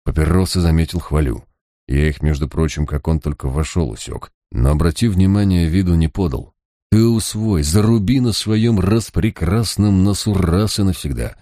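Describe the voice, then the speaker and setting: A man's voice: sits low, normal speed, warm tone, no room sound, studio quality. A man reading an audiobook voices a brash, sardonic police chief who gives curt, mocking orders in street slang. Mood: brusque, lecturing.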